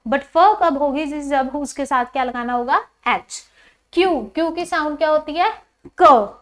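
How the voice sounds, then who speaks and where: A woman teaching English pronunciation to a class. She asks questions and answers them herself, and repeats each example word slowly. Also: sits high, fairly bright tone. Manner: calls the pupils "children", says "ji" often.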